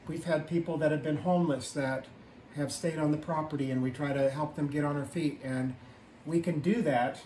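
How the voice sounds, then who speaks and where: With a fairly high, darkish voice, fairly even intonation and normal speed, a homeowner in his fifties takes viewers around his small wood-paneled tiny house. His casual tour talk is plain and matter-of-fact, full of ums. The audio, from a camera a few feet away, is roomy and slightly distant with faint hiss.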